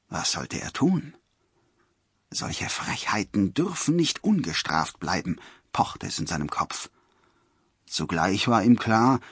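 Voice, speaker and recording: Husky-voiced man reading a storybook. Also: low-pitched, bright, forceful tone, no echo, clean studio sound. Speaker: narrator. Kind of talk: storybook narration.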